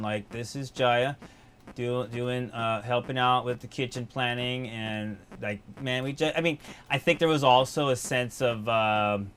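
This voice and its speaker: A man's voice: mid-range voice, a bit bright. A man hosting a podcast, talking casually and rambling through a long explanation. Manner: rambling, conversational, with fillers and restarts. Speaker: podcast host and business owner.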